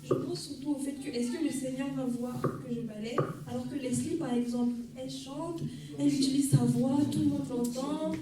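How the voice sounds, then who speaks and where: Woman doing a whiny young church lady, high voice, far off in a big echoey church hall. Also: steady tone, moderate pace, crowd noise, natural voice. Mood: worried. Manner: hesitant, plaintive, touchy. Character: young churchwoman who sweeps, feels overlooked. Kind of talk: amateur church sketch.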